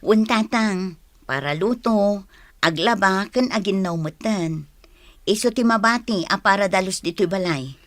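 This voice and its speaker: She voices a bossy mother of a large brood for radio drama, scolding and giving orders in a matter-of-fact way. Her pitch is medium and her tone fairly bright; she speaks unhurriedly, lightly acted, in a studio-quality recording free of room sound.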